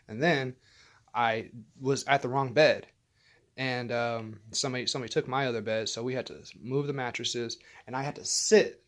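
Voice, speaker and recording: Rambling, profane man telling a story. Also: medium pitch. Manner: rambling and profane, many fillers and restarts. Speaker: vlogger. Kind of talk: casual personal storytelling.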